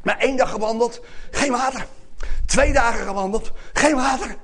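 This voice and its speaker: A man preaching a lively sermon, calling out to the congregation for amens. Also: very high-pitched, moderate pace. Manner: animated, calls out to congregation for amens.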